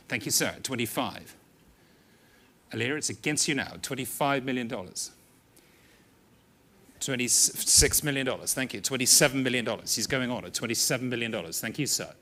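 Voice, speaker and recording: A man working as an auctioneer, calling out bids in a brisk, rhythmic patter during a live sale in an auction room. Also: medium pitch, bright, forceful tone.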